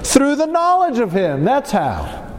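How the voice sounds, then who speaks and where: Recorded in an echoey hall with long reverb and faint background noise, a man teaches a Bible lesson while congested from a cold, his nose sounding pinched. His voice is very high with huge pitch swings, and he speaks slowly. He drives his points home emphatically through repetition and rhetorical questions.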